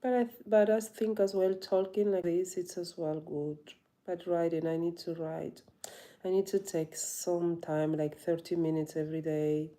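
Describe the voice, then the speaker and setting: Female yoga vlogger, warm dark tone, reflective and searching, casual live chat. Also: deep voice. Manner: thoughtful, halting, searching for words. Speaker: yoga teacher.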